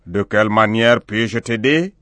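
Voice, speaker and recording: A man voicing a stern male tree spirit, speaking slowly and solemnly. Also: on the low side, fairly bright tone, no room sound. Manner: slow, solemn.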